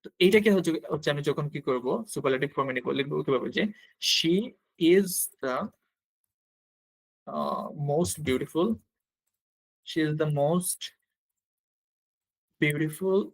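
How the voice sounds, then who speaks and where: A man with a Bangladeshi Bengali accent teaching an online grammar lesson, explaining step by step, asking questions and answering them himself, pausing as he writes. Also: on the high side. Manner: writes on a board while talking, with pauses and restarts.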